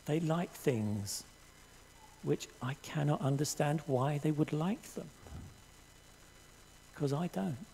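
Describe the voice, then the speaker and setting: An older man preaching a sermon in a church hall, earnest and measured, reading scripture aloud to the congregation. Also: a little high, creaky, mellow, slight background noise. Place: church hall stage with audience.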